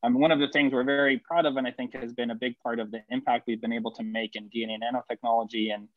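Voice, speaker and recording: A man's voice: mid-range voice, flat delivery, fast talker, dry recording. Guy from el salvador raised in ohio giving a zoom talk, lots of uhs, kinda muffled dry audio. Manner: loose, many fillers and repeated words. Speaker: engineering professor presenting research. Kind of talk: conference talk over video call. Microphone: video call.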